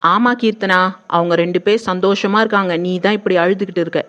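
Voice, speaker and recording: A woman's voice: medium pitch, fairly even intonation, brisk, fairly bright tone, natural voice. An actress playing a blunt, impatient middle-aged mother who scolds her grown daughter. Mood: scolding. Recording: muffled lo-fi sound.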